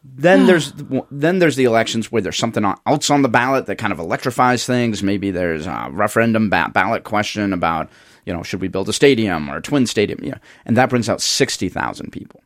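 A man on a radio panel, speaking in a measured, analytical way. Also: lowish voice, animated, dry recording, studio quality. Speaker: panel guest.

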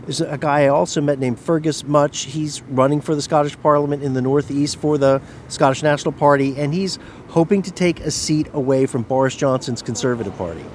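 A man working as a radio correspondent, explaining a story in a relaxed back-and-forth with small restarts. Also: on the high side, brisk, a little hiss or hum. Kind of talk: reported news conversation.

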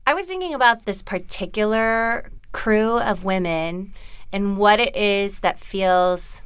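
A woman's voice: mid-range voice, slow, clear, resonant tone, no room sound. A woman who grew up with Korean as her first language, chatting as an interview guest in a rambling, self-deprecating way. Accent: American. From born in Los Angeles to Korean parents. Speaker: actress guest. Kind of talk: casual interview chat.

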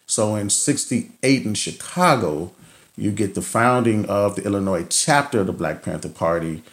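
A man's voice: fairly low pitch, moderate pace. A man speaking as an academic interviewee, explaining history.

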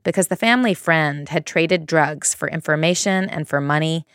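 A woman reporter narrating a scripted investigative documentary in a measured, matter-of-fact way. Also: sits low, a bit bright, clean tone, dry recording, clean studio sound. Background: music.

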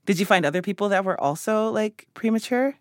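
A woman hosting a children's podcast, chatting and asking questions in a lively way. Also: medium pitch, a little fast, no echo, clean studio sound. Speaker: podcast host. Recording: music behind the voice.

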